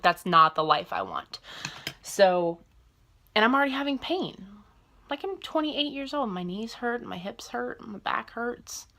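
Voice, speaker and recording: A woman in her twenties speaks to her camera in a casual personal vlog. She rambles openly and corrects herself mid-thought. Her voice sits a little low but has a bright, forward edge. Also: gravelly. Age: 20s. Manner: rambling and candid, self-correcting mid-sentence. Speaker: vlogger.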